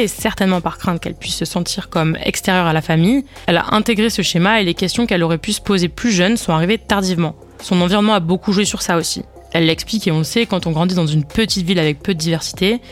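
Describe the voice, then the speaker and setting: A podcast host reading a scripted explanatory segment in a steady, explaining manner. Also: mid-range voice. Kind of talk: scripted narration.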